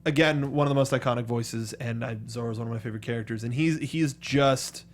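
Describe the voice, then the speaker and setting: A man with a medium-pitched voice talks fairly quickly. He's the geeky co-host of a movie review show, chatting casually and enthusiastically in a fan discussion.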